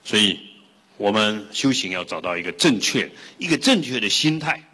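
Animated monk preacher, bright and husky, in a reverberant hall. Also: male voice, fairly low pitch, normal speed. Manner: lively and rhetorical, asks the audience questions. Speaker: Buddhist monk giving a dharma talk. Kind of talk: sermon with storytelling.

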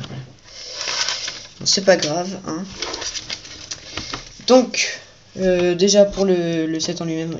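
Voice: mid-range voice, muffled recording, a little hiss or hum. A toy reviewer giving casual commentary while building a set at home at night, chatty and repeating the same praise.

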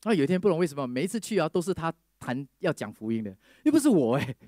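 Male preacher, storytelling testimony, slightly high voice, dry close sound, acts out the people in his story. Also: fast talker, no echo. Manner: lively storyteller who mixes English phrases into Mandarin.

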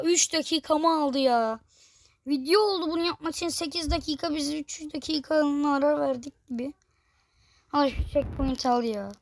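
A woman giving excitable, exasperated gameplay commentary for her channel, swearing in jest and talking to her viewers. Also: sits high. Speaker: gaming video creator.

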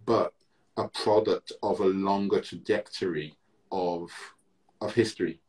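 A man's voice: deep voice, steady tone, unhurried, darkish tone. A man from Britain with Barbadian roots, speaking in a reflective interview over a video call, with frequent restarts and "you know" fillers. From Britain, Barbadian heritage. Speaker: interview guest, musician. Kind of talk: reflective conversation. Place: indoor room at home.

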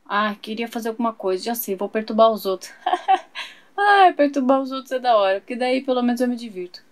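A woman's voice: fairly high pitch, lively intonation, a little fast, natural voice. A woman voicing a mischievous, bored young boy prankster who teases and shows off. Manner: playful teasing, sings and shows off. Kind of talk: toy play-acting storytelling.

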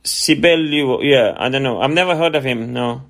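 A man's voice: mid-range voice, normal speed, creaky, fairly bright tone. A man on a phone call who sounds naive and compliant, hesitant and apologetic, repeating things back. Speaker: scambaiter playing along with a phone scammer.

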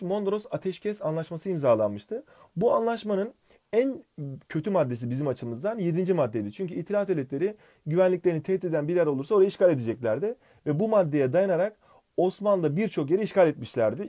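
A man's voice: a little high, animated, dark tone. A young man teaching an exam-prep history lesson in a joking, chatty way, bantering with his student. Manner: fast, joking, addresses sidekick by name.

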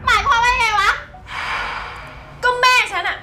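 A woman playing a panicky young swindler who pleads and shouts in a short film. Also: very high-pitched, steady tone, unhurried, slight background noise, full character voice. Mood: panicked. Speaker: swindler who cheated an aunt. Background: loud music.

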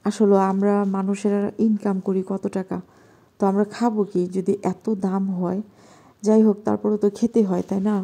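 Casting a Bangladeshi woman vlogger with a hushed night-time kitchen voice, very warm and dark. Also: medium pitch, level tone, normal speed, gravelly. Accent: Bangladeshi Bengali. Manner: talking softly and quietly at night. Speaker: vlogger cooking at home. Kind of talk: casual cooking vlog narration.

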